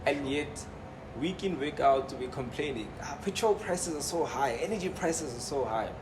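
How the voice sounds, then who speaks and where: A man's voice: fairly high pitch, animated, normal speed. A man hosting a casual interview, chatty and laughing easily. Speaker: interview host. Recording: noisy room ambience.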